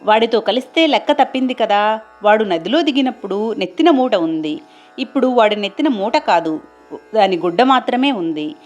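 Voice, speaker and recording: Brief: woman reading a silly, excitable boy disciple for radio, eager patter. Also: a little high, normal speed, lo-fi sound, soft background music, close to an everyday voice. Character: foolish male disciple, excitable young man.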